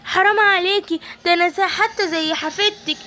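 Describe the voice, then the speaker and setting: A woman's voice: very high voice, fairly even intonation, a little fast, bright, forceful tone, pitched above the performer's own voice. A woman with an Egyptian accent voicing a frightened little ballerina girl in a toy play-acting video, pleading in a whiny, begging manner.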